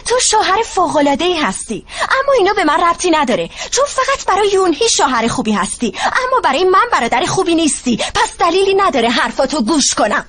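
An actress dubbing a hurt, resentful younger sister, speaking in a bitter, accusing way. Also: female voice, very high-pitched, big pitch swings, hardly any pauses, fairly bright tone, slight background noise, heavily acted. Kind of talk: dubbed TV drama acting.

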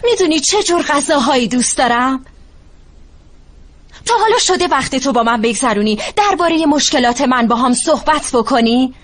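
A bitter, high-voiced younger sister. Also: female voice, expressive, fairly bright tone. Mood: bitter accusing. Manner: bitter, accusing, tearful. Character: hurt, resentful younger sister, young woman. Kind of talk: dubbed TV drama acting.

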